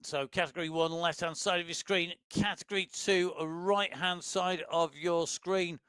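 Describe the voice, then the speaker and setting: A man's voice: sits high, steady tone, a little slow, sharp tone, clean tone, no echo. A man doing live commentary on an online cycling race, chatty and joking, with plenty of filler sounds.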